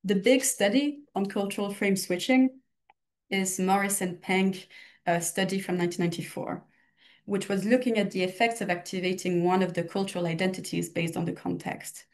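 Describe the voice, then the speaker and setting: This recorded study lecture comes from a young female exam tutor whose slight Belgian French accent colors a medium-pitched, slightly mellow voice. Her intonation stays fairly even at a moderate pace as she preps students casually, using personal examples and self-corrections.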